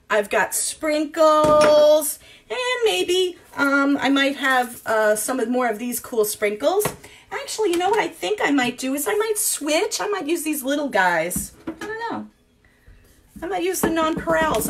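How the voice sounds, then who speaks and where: A woman's voice: sits high, fairly bright tone, a little hiss or hum. A woman in her forties teaching a live cooking class from her home kitchen, rambling and thinking aloud with lots of fillers.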